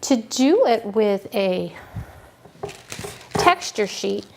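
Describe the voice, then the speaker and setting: A woman cake decorating instructor giving a relaxed, folksy hands-on demonstration, talking as she works. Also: medium pitch, extremely slow, gravelly. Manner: folksy, relaxed, talks while working.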